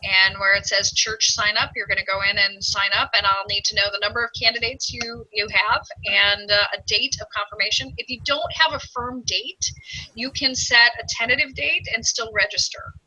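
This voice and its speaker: A woman who works as a parish youth minister, explaining an app she built in a chatty webinar presentation with many pauses to say um. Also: medium pitch, steady tone, sharp tone, lo-fi sound.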